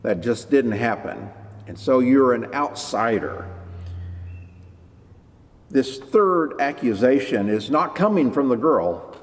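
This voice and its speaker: A man preaching a sermon as pastor, lively and expressive, briefly acting out the people he quotes. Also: mid-range voice, slow, long pauses, big-room sound.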